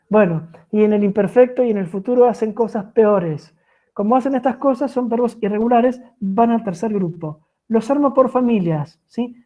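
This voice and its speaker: Argentine teacher lady explaining grammar, kinda high voice, patient, keeps asking "sí?", tinny call audio. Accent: Argentine Spanish. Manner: patient, checks in with frequent "¿sí?". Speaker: French language teacher. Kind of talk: online lecture explaining grammar. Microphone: video call.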